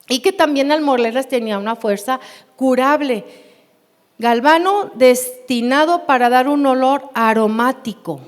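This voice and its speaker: A woman with a Mexican Spanish accent teaching a Bible class in a church, unhurried and often asking her listeners questions. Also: a little high. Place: church hall. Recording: long hall reverb.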